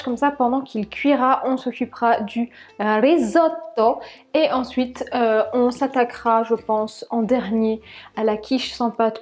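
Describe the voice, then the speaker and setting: A woman's voice: fairly high pitch, darkish tone. A young woman vlogging from her home kitchen, chatting casually with lots of fillers as she explains each cooking step. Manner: chatty, many fillers, narrates while cooking.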